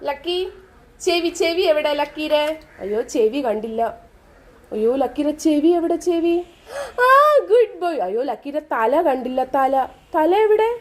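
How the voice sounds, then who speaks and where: A woman's voice: sits high, animated, a little slow, a little mellow. A mother in a home vlog, coaxing her small child with playful sing-song baby talk and questions.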